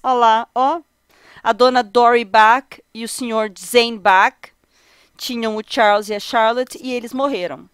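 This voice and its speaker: A young Brazilian woman with a cold hosts a gaming video, casually playing a life sim while talking to her characters and viewers in a Brazilian Portuguese accent. Her voice is on the high side, steady, measured, a bit bright and smooth, in clean studio sound with no room echo.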